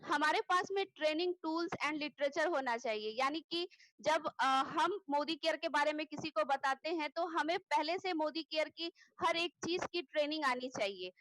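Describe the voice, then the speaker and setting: A woman with a high, bright-pitched voice leads an online training session, speaking earnestly and pausing often between points. Her voice comes through a video call and sounds close and dry, with no room around it. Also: dry recording, poor audio. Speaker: network marketing trainer.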